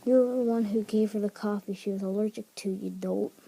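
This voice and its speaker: A woman's voice: mid-range voice, fairly even intonation, normal speed, warm tone, close to an everyday voice, rough recording. A woman reading as a bitter pony barista. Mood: pleading. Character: resentful young female pony barista.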